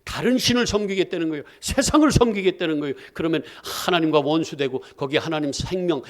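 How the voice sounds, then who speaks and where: A man preaching a sermon as pastor, throwing questions at the congregation and answering them himself in a lively call-and-response style. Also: on the high side.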